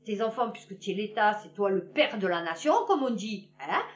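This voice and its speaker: A woman's voice: medium pitch, lively intonation, brisk. A woman giving a blunt, heated opinion in casual slang, repeating her phrases for emphasis. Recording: muffled, from a distance.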